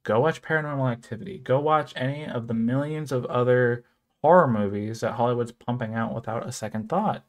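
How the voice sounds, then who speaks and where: Here a young American video essayist narrates his commentary at a slightly quick pace and medium pitch. He sounds emphatic and at points exasperated, and background music runs underneath.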